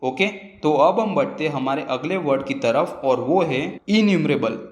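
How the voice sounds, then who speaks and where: A man with an Indian accent, his voice a little higher than most men's, teaches English words one by one. He reads each example sentence slowly and with care. The room is echoey. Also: animated. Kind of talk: vocabulary lesson.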